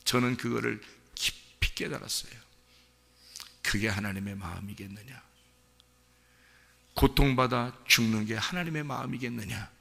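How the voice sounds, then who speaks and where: A male pastor preaching an impassioned sermon in a church, swinging between hushed words and loud outbursts. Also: mid-range voice, gravelly, in a large hall. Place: church sanctuary.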